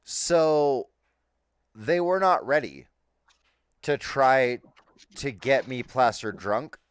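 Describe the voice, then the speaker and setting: Smooth-voiced man telling stories. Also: medium pitch, expressive, drawn-out words, dry recording, studio quality. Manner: laughing, profane storytelling. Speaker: tabletop game player. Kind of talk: casual chat before a game session. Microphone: online voice call.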